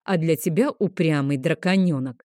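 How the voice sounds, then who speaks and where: A woman voicing a calm, condescending male dragon in human form, soothing but dismissive, in an audiobook. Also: moderate pace, dry recording, clean studio sound, close to an everyday voice. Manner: soothing yet dismissive, slightly lowered voice. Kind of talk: audiobook character reading.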